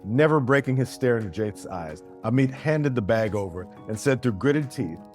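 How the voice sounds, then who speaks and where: A man narrating a fantasy story in a steady, descriptive way. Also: mid-range voice, normal speed, faint music behind.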